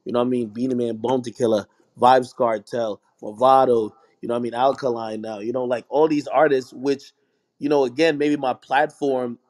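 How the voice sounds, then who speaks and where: A man's voice: medium pitch, level tone, normal speed, a little mellow. Rambling young man in casual chat. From Jamaica. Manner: rambling, many restarts and "you know what I mean". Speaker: hip hop media personality. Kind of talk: casual audio chat room conversation.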